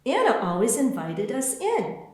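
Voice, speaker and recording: An author reads her own children's picture book aloud in a very echoey, strongly reverberant room. Her voice is unhurried and very animated in pitch, and she tells the story expressively and deliberately, spacing out her phrases.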